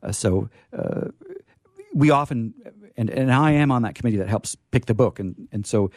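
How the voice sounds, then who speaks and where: Medium in pitch and darkish in tone, this man speaks at a normal speed, captured dry and clean in a studio. Hosting a casual live talk for the library where he works, he hesitates, repeats himself, and slips into playfully formal wording.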